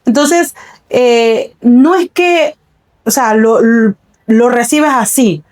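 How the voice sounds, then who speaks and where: A woman's voice: on the high side, takes it slowly, a little mellow. Earnest woman pastor sharing her story. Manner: earnest, reflective, often repeats words. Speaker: pastor, podcast guest. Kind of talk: personal testimony in a faith podcast conversation.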